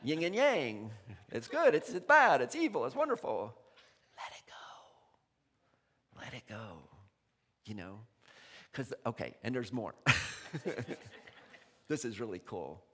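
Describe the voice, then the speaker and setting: A male pastor giving a sermon in a conversational, animated way, laughing often. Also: medium pitch, measured pace, long pauses. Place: church sanctuary. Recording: long reverb in a large hall.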